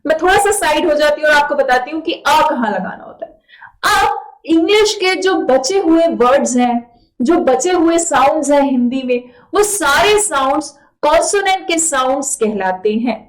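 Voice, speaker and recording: A woman's voice: high voice, expressive, normal speed, rough recording. A woman teaching English grammar in a classroom-style lesson, repeating key points and checking with her students. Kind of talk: classroom lesson for exam aspirants.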